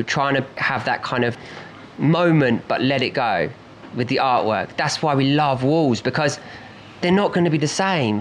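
A street artist chats casually in an interview, rambling and enthusiastic, with plenty of fillers. The voice sits at a middle pitch. A faint hum of background noise runs underneath.

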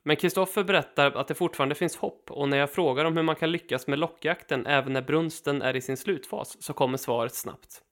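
Guy reading out a hunting article, slightly high voice, steady and matter-of-fact. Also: few pauses. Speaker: hunting writer narrating his trip report.

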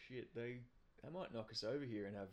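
A man's voice: mid-range voice, fairly quick. An Australian man hosting a casual interview, informal and matey in how he talks. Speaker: interviewer and host.

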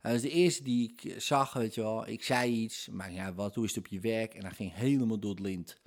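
A man's voice: lowish voice, moderate pace. A man giving an explanatory monologue on hypnosis, talking conversationally, working through everyday examples and often checking in with tag questions.

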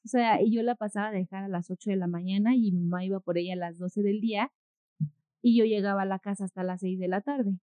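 A woman's voice: medium pitch, fast, no echo. A woman, a mother telling a story in casual conversation, acting out what people said. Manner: animated storyteller, acts out quotes. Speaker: co-host, mother. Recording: dry, phone-like audio.

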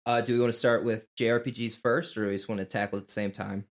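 A man's voice: lowish voice, fairly even intonation, fast. A man co-hosting a podcast in natural, unscripted casual talk, thinking aloud with some hesitation. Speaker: podcast co-host.

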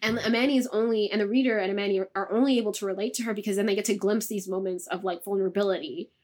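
A woman's voice: medium pitch, steady tone, rapid-fire, darkish tone. A young woman author of Moroccan family, raised abroad, chatting in an interview over a video call and tagging her thoughts with "like" and "right?". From Moroccan family, raised in diaspora. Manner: chatty, many "like" and "right?" tags. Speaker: author guest. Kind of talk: casual interview chat.

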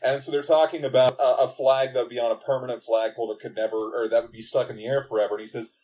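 Man, mid-pitched, blunt and keen, casual swearing. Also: little pitch movement, fast talker, dark tone. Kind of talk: casual film discussion.

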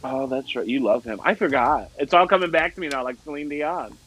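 A man's voice: mid-range voice, a little fast, a bit bright, a little hiss or hum, rough recording. A man bantering playfully on a podcast, teasing the others as he talks. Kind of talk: casual podcast chat.

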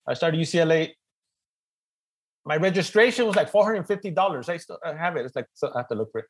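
A middle-aged man with an East Los Angeles Chicano accent, moderating a webinar informally in a joking, animated way and often repeating words. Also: fairly high pitch, fast talker, slightly rough. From East Los Angeles, United States. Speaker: panel moderator.

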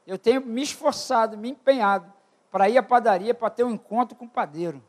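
Older male preacher with a very high voice, questioning his congregation and calling for amens, moving from near-shouts to low murmurs. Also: brisk. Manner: swings from loud shouted peaks to low quiet asides. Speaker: preacher at a church retreat. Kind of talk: sermon.

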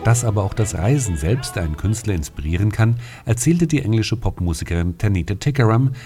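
A man reading scripted radio feature narration in a calm, measured way. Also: lowish voice. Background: music bed.

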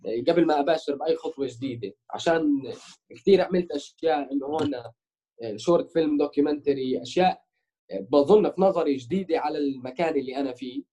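A man's voice: a little high, fast talker, mellow, breathy edge, poor audio. A young man with a Jordanian-Palestinian Levantine Arabic accent, chatting casually as an interviewed musician and mixing in English words. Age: young adult.

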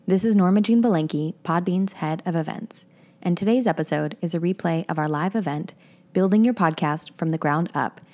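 Low-voiced woman reading an intro. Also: a little mellow. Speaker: events head introducing episode. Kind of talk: scripted episode intro.

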